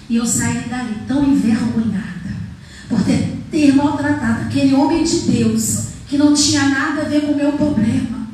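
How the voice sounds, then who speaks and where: A woman missionary preacher, telling her testimony in a sermon, acting out the dialogue and moving from soft to loud. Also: fairly high pitch, a little hiss or hum. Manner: emotional storytelling, acts out dialogue, swings from soft to loud. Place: church hall. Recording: echoey church hall from far off.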